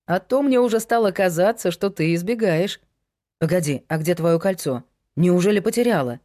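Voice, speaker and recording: A young fiancé in an audiobook, eager at heart and quickly thrown into confusion, as a woman narrator reads him. The voice sits a bit low and stays close to plain speech. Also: animated, mellow, lightly acted. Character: young man, eager then anxious fiancé.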